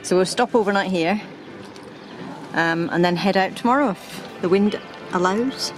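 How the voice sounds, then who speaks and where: A woman's voice: medium pitch, normal speed, over music. A woman on a sailboat talking in an upbeat, chatty way for her sailing vlog. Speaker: sailing vlogger. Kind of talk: casual chat. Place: on a sailboat at sea, outdoors. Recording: wind and water noise outdoors.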